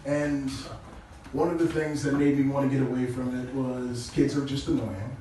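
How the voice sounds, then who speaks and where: A male stand-up comedian with a casual, crude delivery who chuckles at his own jokes, heard through low-quality stream audio. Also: little pitch movement, normal speed, mellow. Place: small comedy club stage. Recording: echoey low-quality stream from far off with noise.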